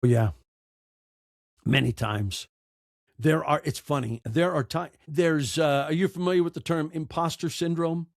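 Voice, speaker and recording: A middle-aged American podcaster and audiobook narrator, appearing as an interview guest, gives earnest, emotional, emphatic answers in a candid, conversational style. His on-the-high-side voice is creaky and measured in pace, recorded in studio quality with no echo.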